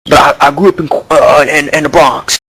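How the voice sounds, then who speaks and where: This husky, somewhat bright male voice sits on the high side and moves at normal speed with a steady tone, captured on low-quality audio. He plays a cocky, deli-obsessed young baseball hopeful from the Bronx who isn't too bright, rambling through slang and fillers during a made-up interview.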